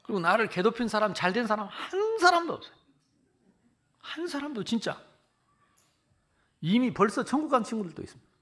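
A man in his sixties from the Jeolla region of South Korea, preaching a sermon as pastor with animated storytelling that swings from loud to hushed. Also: very high-pitched, a little fast, pauses often. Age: 60s.

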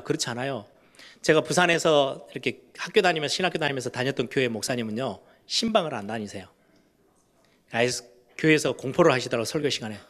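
A middle-aged man preaching a sermon as pastor, animated, often voicing questions in a raised voice. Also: mid-range voice.

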